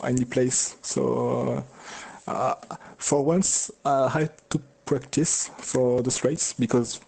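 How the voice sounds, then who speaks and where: A man speaks English as a second language, with a non-native accent. His voice is mid-pitched and very mellow. He answers interview questions casually, pausing to search for words. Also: fairly even intonation, creaky, slightly rough, rough recording. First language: not English. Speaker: racing driver being interviewed.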